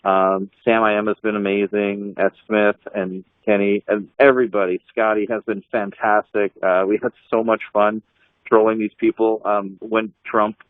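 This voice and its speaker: A man's voice: fairly low pitch, flat delivery, moderate pace, no echo. A man casually reminiscing on a group call, rambling with many fillers and restarts and laughing often. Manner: laughs often while telling stories. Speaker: anti-scam blogger on a group call. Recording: dry tinny call audio.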